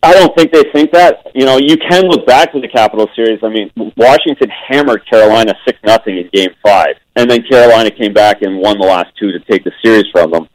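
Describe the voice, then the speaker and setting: Male phone-in analyst, low-ish voice, dry phone line, measured with ums. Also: no room sound. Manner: measured, frequent ums and restarts. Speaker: guest analyst, former goaltender. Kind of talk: phone-in radio interview.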